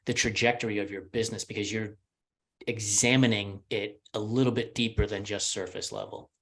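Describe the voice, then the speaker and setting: A man speaks as a podcast guest in an earnest storytelling manner. His voice sits somewhat low, and he explains his points with conviction. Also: fairly even intonation, a little fast, fairly bright tone. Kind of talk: casual interview chat.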